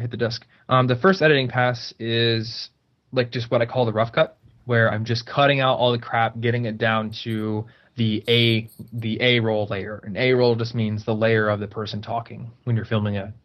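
A man talks as a guest in a casual podcast interview. He explains things step by step and fills his talk with "like". The recording sounds somewhat dull and lo-fi. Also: mid-range voice. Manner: chatty, explains step by step with many "like" fillers. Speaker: guest, YouTuber.

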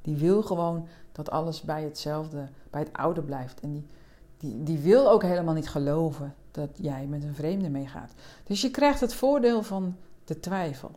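A woman hosting a relationship podcast, talking calmly and reflectively with frequent hesitations. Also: low-pitched, normal speed. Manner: calm, reflective, with many hesitations. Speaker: podcast host. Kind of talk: relationship advice podcast monologue.

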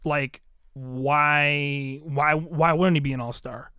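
A man's voice: fairly high pitch, fairly even intonation, slow pace, pushed and bright, smooth, no room sound, clean studio sound. A young man hosting a solo sports podcast, rambling casually with lots of filler words and swearing. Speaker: podcast host.

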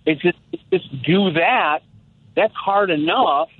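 A man's voice: sits high, animated, slow pace. A man in his sixties calling in to a talk show, chatting casually and reflectively, with many restarts. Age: 60s. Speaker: caller. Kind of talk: casual phone-in chat. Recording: tinny phone line.

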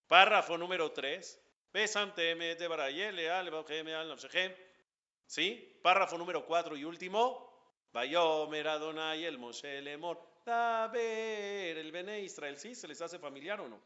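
Bright-voiced rabbi teaching a class. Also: male voice, on the high side, unhurried, highs cut off. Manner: animated, asks the audience questions, chants Hebrew prayers. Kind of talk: lively religious class talk.

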